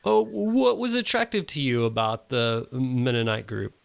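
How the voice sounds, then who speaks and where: A man's voice: medium pitch, measured pace, creaky. A man hosting a podcast who introduces his guest and asks friendly questions with some hesitant fillers. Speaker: podcast host. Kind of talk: casual interview conversation.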